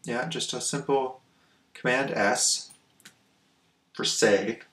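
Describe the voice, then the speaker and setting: A man hosting a programming screencast, thinking aloud in a relaxed way with frequent ums and restarts. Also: medium pitch, takes it slowly, roomy sound. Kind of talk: casual coding walkthrough.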